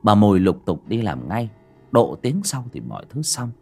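A male storyteller narrates a horror audiobook. His pitch moves a great deal and he tells the story with expression. Faint music runs underneath. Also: very animated, normal speed, creaky, a little mellow, slightly rough.

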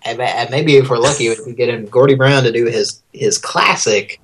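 A man's voice: medium pitch, moderate pace, a bit bright, slight background noise, low-quality recording. A man co-hosting a comedy show, chatting casually and sometimes stammering. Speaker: co-host. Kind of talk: casual banter.

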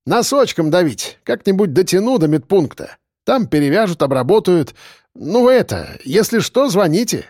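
A man voicing a gruff, stern village police officer who barks exasperated orders. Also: high voice, very animated, moderate pace, a little mellow, dry recording, studio quality, pitched above the performer's own voice. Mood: plain.

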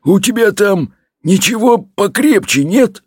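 A man voicing a boastful, rude seven-headed male dragon that bellows slow, drawn-out threats in a husky voice. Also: sits high, animated, no echo, studio quality, pitched above the performer's own voice, exaggerated voice. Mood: lazily pleased.

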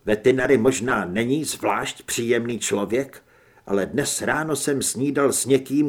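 A man's voice: medium pitch, slightly rough. A man reading an audiobook, voicing a stubborn, idealistic young male reporter who argues emphatically.

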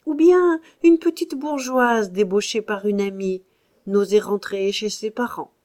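Woman narrator, audiobook, slow pace, expressive reading, mid pitch. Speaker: audiobook reader. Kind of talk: scripted narration of a classic novel.

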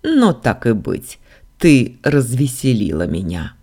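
A woman voicing a capricious male god, creator of dragons, who speaks slowly and with mockery. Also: extremely low pitch, huge pitch swings, mellow, breathy edge, heavily acted. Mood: mocking. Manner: slow, amused and mocking.

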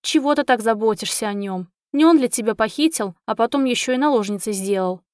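A woman's voice: on the high side, brisk, dry recording, studio quality, natural voice. A woman voicing a brash, sardonic young friend who teases and pushes in an audiobook. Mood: reproachful. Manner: wry, teasing, pushy.

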